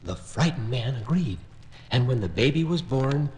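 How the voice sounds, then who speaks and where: On a vintage children's record, a man narrates a fairy tale in an expressive storytelling voice. He speaks at normal speed in a mid-range voice, and the recording is rough.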